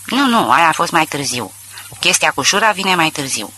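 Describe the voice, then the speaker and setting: A man voicing a sly, genial male horse trader with a smooth, drawling way of talking. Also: a little high, big pitch swings, bright, forceful tone, slight background noise, exaggerated voice.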